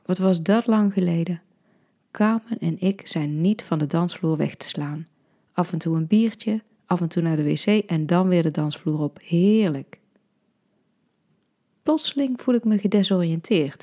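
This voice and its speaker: A woman narrating a short story for her podcast in a soft, intimate way, often half-whispered, with a husky voice. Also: fairly low pitch. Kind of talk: scripted narration.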